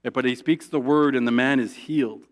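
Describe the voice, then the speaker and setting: This man's sermon comes in a medium-pitched voice with fairly even intonation and a conversational style. Quoted prayers are acted out softly and quietly, and his speech is marked by halting restarts, repeated words, and frequent "right?"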